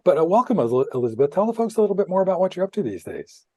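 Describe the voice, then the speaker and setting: A man's voice: high-pitched, very animated, racing, mellow, no room sound, studio quality. An older man hosting a podcast interview over a video call, friendly and a bit rambling. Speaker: podcast host. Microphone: earphone mic on video call.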